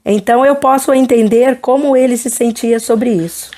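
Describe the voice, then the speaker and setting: Middle-aged woman host, calm counseling talk, mellow and a bit high-pitched. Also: moderate pace.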